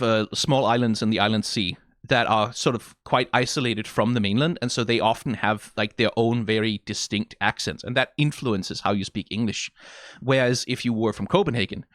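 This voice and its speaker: Talking wryly to the camera, this young Danish-accented YouTuber from Funen gives casual commentary on a game trailer, playful and dropping swears for emphasis. His voice has medium pitch and a fairly bright tone, and the sound is clean studio audio without echo.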